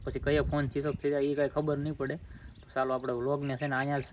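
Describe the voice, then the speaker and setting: His pitch is medium this time and his delivery flat, though he still talks fast, with slight background noise. The farmer vlogs earnestly outdoors, phone in hand, speaking to camera in a casual, homely village way.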